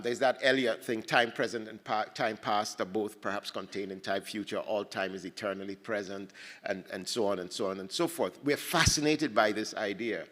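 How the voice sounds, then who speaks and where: A man's voice: mid-range voice, sharp tone. A man from Ghana speaking on a panel at a poetry festival, thinking aloud with frequent restarts and repeated words. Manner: halting, many restarts, thoughtful. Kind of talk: reflective panel talk. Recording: long hall reverb.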